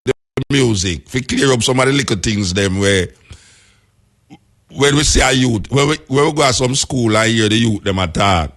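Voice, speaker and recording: A man's voice: medium pitch, lively intonation, normal speed, a bit bright. A man with a Jamaican accent talking in Rasta speech with Patois grammar, explaining things emphatically and repeating key phrases.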